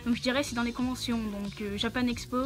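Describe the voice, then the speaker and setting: A woman's voice: on the high side, steady tone, quick pace, over music. A young woman talking through a costume head, hosting a casual question-and-answer vlog with many hesitant fillers. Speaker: channel host answering questions.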